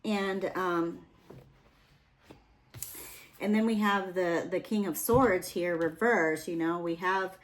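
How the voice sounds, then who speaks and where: Chatty woman reading tarot, low voice. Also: slow pace, pauses often. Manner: rambling, chatty, with many fillers. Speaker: tarot reader.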